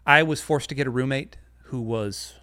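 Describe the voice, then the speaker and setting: A man's voice: medium pitch, normal speed, sharp tone, no room sound, clean studio sound. A man giving a casual, joking sermon to an online church audience, with many fillers. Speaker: pastor. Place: home studio.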